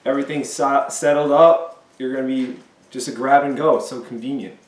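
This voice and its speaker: A man's voice: medium pitch, steady tone, a little fast, distant mic. A young man, a personal trainer, chatting casually and hyping things up while cooking in a home kitchen. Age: young adult. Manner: upbeat, hype-filled, says "you know" often. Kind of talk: casual cooking video chat. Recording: roomy kitchen echo, faint noise.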